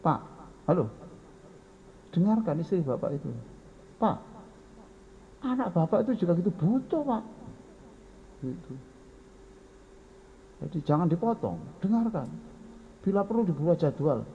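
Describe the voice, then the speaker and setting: Gravelly Javanese-accented man preaching. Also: sits high, big pitch swings, a little slow, long pauses, narrow, tinny audio, slight background noise. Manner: folksy, mixes in Javanese phrases and addresses listeners directly. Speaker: Islamic preacher. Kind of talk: sermon.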